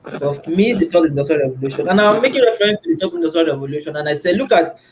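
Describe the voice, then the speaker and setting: A man's voice: a little high, animated, rapid-fire, background noise. A man from Nigeria hosting an online community call, earnest and repetitive, with many fillers. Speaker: host. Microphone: video call.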